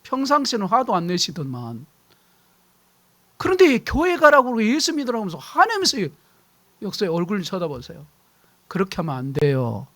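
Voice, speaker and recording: Middle-aged male pastor, high lively voice, preaches animatedly and acts out quarrels. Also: fairly quick, pauses often. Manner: animated preaching, acting out shouted household quarrels. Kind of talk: sermon.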